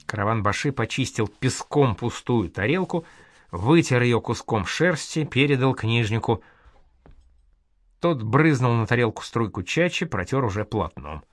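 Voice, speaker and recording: A man narrating an adventure audiobook in a measured storytelling manner. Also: mid-range voice, expressive, no echo.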